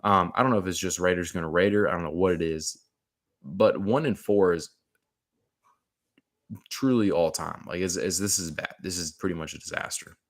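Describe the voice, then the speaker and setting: A man's voice: deep voice, normal speed. A man giving casual, rambling sports commentary, full of slang and restarts.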